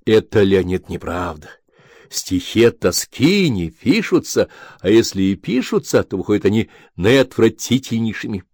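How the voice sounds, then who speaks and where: A measured, lecturing detective, read by a male narrator in a low voice. The audiobook recording is dry and close. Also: big pitch swings, a little mellow, no room sound. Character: calm, didactic older male detective.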